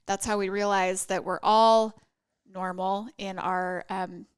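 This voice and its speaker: Smooth-voiced woman, candid and teasing. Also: medium pitch, steady tone, slow, no echo, clean studio sound. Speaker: podcast co-host. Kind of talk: casual chat.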